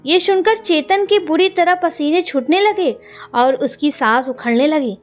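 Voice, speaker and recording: A woman's voice: sits high, measured pace, soft background music. A woman reading out a story in a dramatic, suspenseful way. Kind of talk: scripted story narration.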